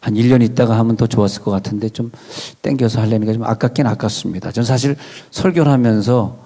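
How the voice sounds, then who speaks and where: A man's voice: medium pitch, fast talker, warm tone. A male pastor giving a sermon in a church, conversational, with wry asides and questions to the congregation. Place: church sanctuary.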